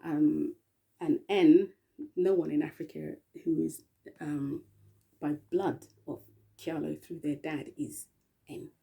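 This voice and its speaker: A slow-talking English woman with a lowish, gravelly and husky voice. She meanders through a spiritual monologue, spelling letters aloud between pauses and small laughs. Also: steady tone, dark tone. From England.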